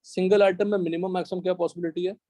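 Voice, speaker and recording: A high-pitched young Indian man teaching chemistry in class. His voice is mellow and dry, without room echo. He explains step by step and often stops to check whether the students have understood. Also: little pitch movement. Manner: dictates slowly in English. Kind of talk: live classroom lecture.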